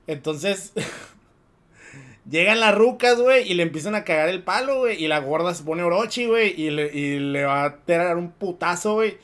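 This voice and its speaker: A man's voice: high-pitched, normal speed. A man with a Mexican Spanish accent co-hosting a casual film podcast, full of slang and swearing as he retells a story. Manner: slangy, profane, animated storytelling. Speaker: podcast co-host.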